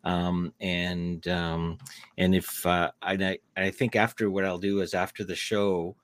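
A man's voice: low-pitched, little pitch movement, unhurried, dry recording. A man co-hosting a casual talk show, rambling through announcements with many fillers. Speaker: co-host. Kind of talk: casual podcast chat.

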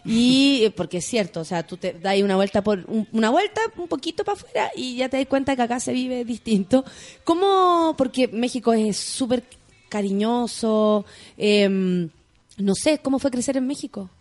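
A woman's voice: a little high, animated, moderate pace, darkish tone. A woman with a Chilean accent, hosting a casual interview and asking long, rambling, enthusiastic questions.

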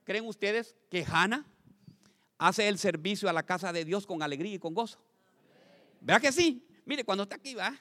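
A man preaching a lively sermon to his congregation as pastor, swinging from loud calls to quiet asides and asking the crowd questions. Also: high-pitched, moderate pace. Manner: addresses congregation as brothers, asks questions.

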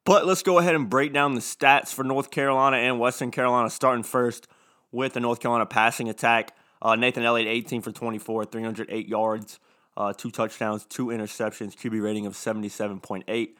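A man's voice: medium pitch, steady tone, fairly quick, pushed and bright. A man in his twenties with a lisp from new braces, hosting a casual solo sports podcast. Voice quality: lisp from new dental braces, like wearing a retainer.

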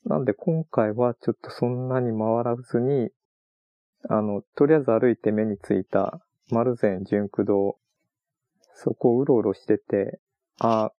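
A man chatting on his own about books he read on a trip, rambling and relaxed with many fillers. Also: medium pitch, measured pace, no room sound, muffled recording. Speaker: podcast host. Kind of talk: casual solo talk about books.

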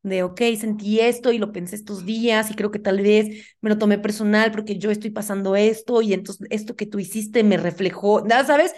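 A woman's voice: medium pitch, moderate pace, few pauses. A young woman with a Mexican accent, chatting frankly and acting out quoted lines as a guest in a casual talk. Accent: Mexican Spanish. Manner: animated, acts out quoted dialogue, frank and slangy. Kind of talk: casual chat.

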